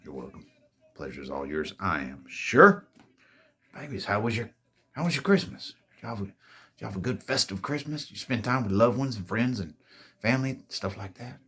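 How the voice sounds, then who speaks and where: A man's voice: lowish voice, lively intonation, brisk, fairly bright tone, slightly rough. A man hosting his own show, telling a story in a rambling, boastful, profane way and calling his viewers "babies". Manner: laid-back, rambling delivery with self-corrections. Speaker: host. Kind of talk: storytime monologue.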